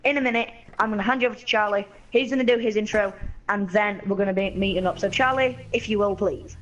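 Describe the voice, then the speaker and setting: A man who hosts a gaming channel chats casually while playing, rambling a little and seeming slightly scattered as he deals with the hiccups. His voice sits high and fairly bright and moves fast, though the audio is dull with slight background noise.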